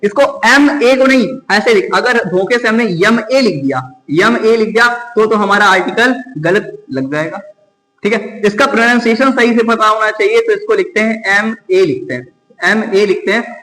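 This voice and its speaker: A male teacher giving an exam-prep grammar lesson, asking questions and answering them himself, repeating key words slowly. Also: high voice, pushed and bright, big-room sound, low-quality recording. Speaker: English teacher.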